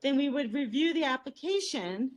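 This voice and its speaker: A woman trustee argues her point in a board debate. Her voice sits somewhat high. She speaks haltingly, with many fillers and restarts. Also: expressive. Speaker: town trustee. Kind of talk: meeting debate.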